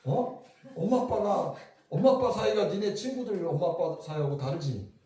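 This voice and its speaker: A middle-aged man preaching a revival sermon as pastor, lively and asking the congregation questions. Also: high voice, normal speed, heavy reverb, far from the mic. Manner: lively, talks to the crowd with questions. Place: church hall.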